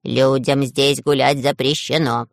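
A grumpy little bearded forest gnome growls out his scolding in a very low, gravelly voice, as a woman puts him on. He sounds suspicious and cross, muttering his complaints. The storybook recording is close and dry. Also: level tone, a little slow, dry recording, heavily acted. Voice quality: low gruff grumbling.

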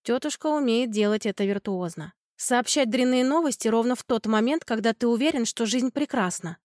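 A woman narrating an audiobook in an expressive first-person storytelling manner. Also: fairly high pitch, brisk, no echo, studio quality. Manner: lively first-person storytelling, voicing characters' shouts.

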